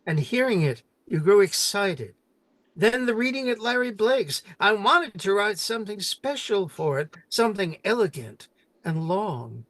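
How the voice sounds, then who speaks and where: Older man, slow solemn poetry reading. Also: high voice, lively intonation, a bit bright, no echo. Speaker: poet.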